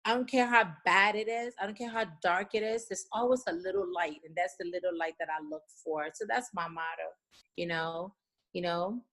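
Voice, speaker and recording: A middle-aged woman from Liberia speaks as an interview guest. She talks earnestly, repeats phrases and fills pauses with "you know". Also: on the low side, a bit bright. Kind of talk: remote interview, casual.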